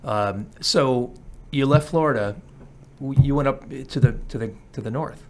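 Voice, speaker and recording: A man's voice: mid-range voice, measured pace. A man hosting an interview show, introducing a guest and prompting with short follow-up questions. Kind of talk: podcast interview.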